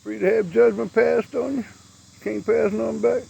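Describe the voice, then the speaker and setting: A man's voice: high-pitched, steady tone, normal speed, gravelly, mellow, breathy edge, poor audio. A man, ranting bluntly and profanely to camera outdoors as a vlogger. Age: 60s.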